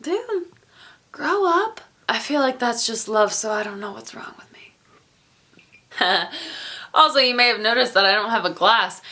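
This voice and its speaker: Brief: opinionated young woman book vlogger, casual and chatty, bright tone. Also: a little high. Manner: chatty, opinionated, with whispered asides and laughs. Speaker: book reviewer. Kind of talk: casual book review vlog.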